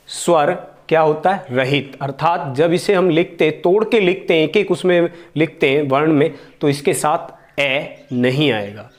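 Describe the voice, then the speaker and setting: A man from India with a higher-pitched voice teaches Hindi grammar, speaking slowly and going back over the same key words. He asks questions and then answers them himself.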